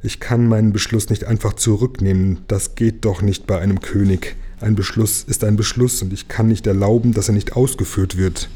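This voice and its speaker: A man reads as a fussy storybook king, pompous and fretful, weighing every decree with sighs. The voice is low, mellow and husky, and it rises a little above the reader's own. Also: steady tone, moderate pace, hardly any pauses. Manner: sighing, self-important official tone.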